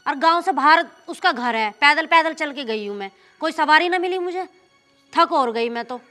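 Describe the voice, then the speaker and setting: A woman as a high, sharp-tongued village mother. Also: animated, moderate pace, faint music behind. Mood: weary. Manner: scolding, earthy village speech.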